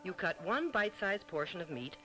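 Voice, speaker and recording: Here the narrator's voice is high and sing-song, moving a little fast, and the audio quality is poor. He delivers scripted, formal teaching narration for an old instructional film, on a 1950s-60s soundtrack that carries music.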